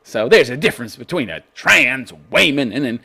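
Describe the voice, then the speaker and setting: A man's voice: medium pitch, expressive, normal speed, gravelly, bright, forceful tone, breathy edge. A man hosting an opinion commentary show, reading out news and mocking it in a brash, coarse-mouthed, exaggerated way. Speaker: host of a commentary channel.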